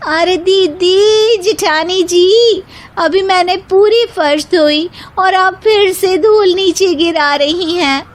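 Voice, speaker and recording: A woman's voice: extremely high pitch, slow, pitched above the performer's own voice. A woman voicing a defiant, whiny young daughter-in-law who complains shrilly in a family story. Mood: complaining.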